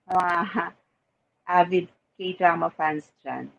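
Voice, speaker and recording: A woman's voice: on the low side, extremely slow, vocal fry, a little hiss or hum, rough recording. A woman hosting a casual chat, talking easily and mixing Tagalog with English. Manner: chatty, mixes Tagalog and English.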